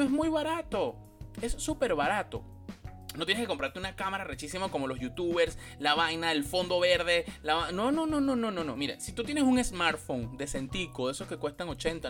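A man's voice: sits high, fairly bright tone. A man with a Venezuelan accent giving podcasting tips in a blunt, emphatic, casual monologue, swearing freely.

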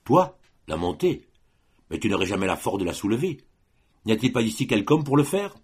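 A man's voice: lowish voice, big pitch swings, fairly quick, a little mellow, slightly rough, full character voice. A man voicing a young officer as a patient, mildly teasing elder brother.

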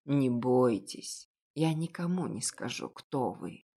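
A kindly old male confectioner, grumbling yet gentle, as a woman reader puts him on. The voice is pushed low, gruff and slow, coaxing and reassuring. An audiobook reading. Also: expressive, exaggerated voice.

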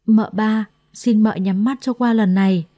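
A woman's voice: medium pitch, steady tone, measured pace, dark tone, close to an everyday voice. A woman voicing a frightened young woman who pleads in a trembling, raised voice in a storybook reading. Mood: pleading.

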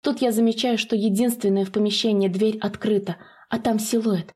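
A woman narrating a first-person fantasy audiobook in an even storytelling voice. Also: mid-range voice, fairly quick, breathy edge.

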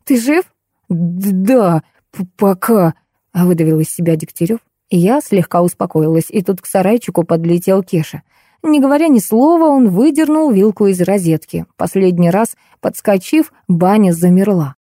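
Dark-voiced woman narrating an ironic novel. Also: medium pitch, normal speed, dry recording, clean studio sound. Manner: lively, ironic storytelling. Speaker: audiobook narrator. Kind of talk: first-person novel narration.

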